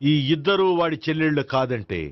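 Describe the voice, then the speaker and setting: A man's voice: fairly high pitch, lively intonation, fairly quick, close to an everyday voice. A man playing a pompous, preachy police officer. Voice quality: sermonizing, proverb-quoting. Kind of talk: Telugu film comedy acting. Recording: slightly dull film audio with background score.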